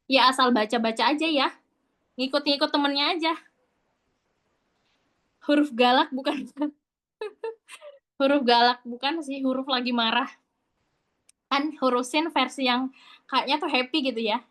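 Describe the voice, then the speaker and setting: Teaching Quran recitation online, this woman keeps things casual and chatty, patiently explaining and demonstrating letters by voicing them aloud. She has a high, fairly bright voice.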